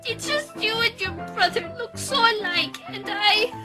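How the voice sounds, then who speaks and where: A woman's voice: extremely high pitch, animated, a little slow, loud music behind the voice. A woman voicing a tearful, apologetic young woman who personifies Ukraine in a fan-dubbed anime. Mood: flustered, apologetic. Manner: weepy, apologetic, flustered. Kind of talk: fan-dub anime acting.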